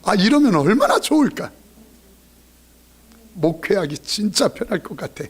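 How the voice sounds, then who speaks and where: With a high, husky voice at a moderate pace, a male pastor gives a sermon in a lively, joking, emphatic way, often acting out people's words.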